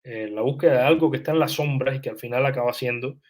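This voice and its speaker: A young man reflects slowly on his work as a writer. He often stops to restart a phrase and fills his pauses with "eh", as though searching for the right word. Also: medium pitch. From Cuba. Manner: thoughtful, hesitant, many restarts and "eh" fillers. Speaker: writer, interview guest. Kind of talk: reflective interview answers.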